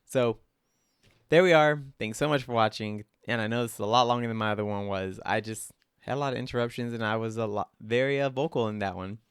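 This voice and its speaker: A man's voice: mid-range voice, fairly quick, smooth, no echo, clean studio sound. A young man casually talking through his own drawings as host, rambling and self-critical, with lots of "like" fillers. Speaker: artist and channel host.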